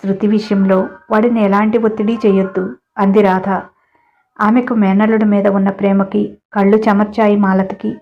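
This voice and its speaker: A woman's voice: medium pitch, little pitch movement, moderate pace, soft background music. A woman reading a family drama story aloud, giving the dialogue a light voice of its own. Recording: dull lo-fi audio.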